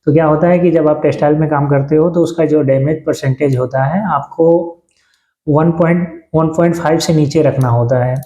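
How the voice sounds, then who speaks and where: A man in his thirties talks to camera in a relaxed, reflective vlog. His voice sits a little high with a soft, mellow tone, and he speaks haltingly with frequent pauses and restarts. The room around him is noticeably echoey. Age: 30s. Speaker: vlogger. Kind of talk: casual reflective talk to camera.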